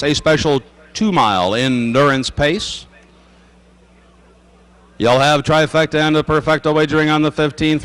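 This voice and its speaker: A man's voice: medium pitch, a bit bright. A man announcing at a horse racetrack in a formal, projecting way, reading results and payouts over the public-address microphone.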